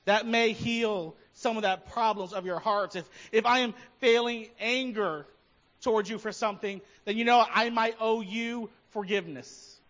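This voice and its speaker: A man's voice: sits high, moderate pace, a bit bright, dull audio. A man preaching a sermon as pastor, talking conversationally and asking his listeners many questions.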